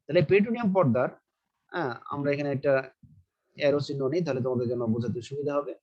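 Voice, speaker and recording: A man's voice: a little high, expressive, racing. Male biology teacher, dull lo-fi sound. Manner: repeats key terms, asks and answers his own questions. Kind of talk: online lecture.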